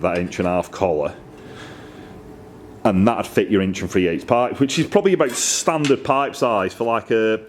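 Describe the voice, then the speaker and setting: This middle-aged man builds motorcycle exhausts and talks from his own workshop, a low hum faintly audible behind him. His voice is fairly low with a darkish tone, and he's casual, eager, a little rambling and self-deprecating.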